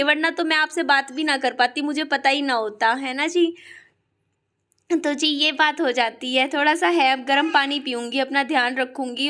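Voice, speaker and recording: A woman from Haryana with a high-pitched voice and a sore throat, chatting casually to her viewers in a family vlog, quick and full of fillers. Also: a bit bright. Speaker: family vlogger.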